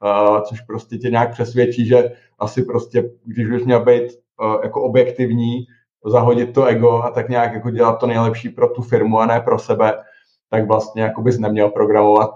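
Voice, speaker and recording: A man's voice: on the low side, monotone, darkish tone. A man in his forties, a tech executive, talking casually in an interview and hesitating often with fillers and restarts. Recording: dull, roomy recording.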